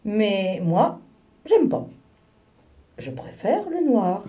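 A woman's voice: medium pitch, very animated, extremely slow, warm tone, recorded from a distance. A woman voicing a touchy little penguin in a storybook reading, emphatic and easily irritated. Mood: stubborn.

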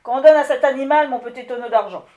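A woman voicing a grumpy, gruff male wind spirit who shouts curtly at visitors in a storybook reading. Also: medium pitch, expressive, quick pace, muffled recording, lightly acted. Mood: gruff, bellowing. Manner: bellowing, curt and impatient.

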